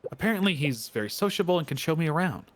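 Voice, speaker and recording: A man's voice: fairly high pitch, lively intonation, fast, close to an everyday voice. A man reading a video game's young woman protagonist aloud in a slightly more upbeat version of his own voice. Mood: peppy. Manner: upbeat read-aloud of game text. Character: peppy young woman newcomer detective. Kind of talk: reading game dialogue aloud.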